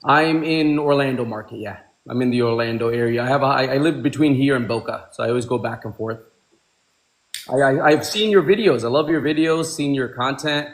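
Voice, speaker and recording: This livestream host, a man in his forties born in Pakistan, keeps things casual from a room at home, addressing people as "bro" and "my man." He speaks fairly quickly in a mid-range voice, with echo in the room.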